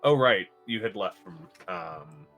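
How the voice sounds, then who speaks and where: Casting: male game master, lively low voice, casual narration. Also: a little slow, lo-fi sound, soft background music.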